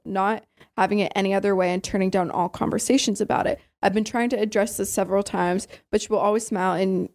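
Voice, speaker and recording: Woman with a gravelly, creaky voice. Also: medium pitch, a little mellow. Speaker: podcast co-host. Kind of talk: casual chat and reading a listener letter.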